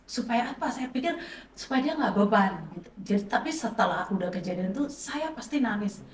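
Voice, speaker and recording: A woman's voice: medium pitch, animated, brisk. A middle-aged woman tells her personal testimony with feeling and talks in a conversational way. She is a pastor's wife. The mic sits at a distance in an echoing room, with a faint hiss behind her. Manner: conversational, acts out quoted dialogue.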